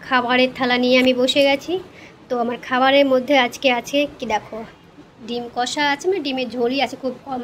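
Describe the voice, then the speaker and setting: A woman's voice: high voice, rough recording. A woman with a West Bengal Bengali accent chats casually to viewers over a meal as a food vlogger, sometimes talking with food in her mouth. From West Bengal, India. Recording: clear background noise and ambience.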